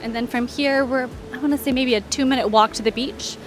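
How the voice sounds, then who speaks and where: Steady in tone and a little fast, a woman with a somewhat high voice narrates a walking tour as a travel guide and vlog host. Faint music plays behind her as she informatively and conversationally points out each sight in order.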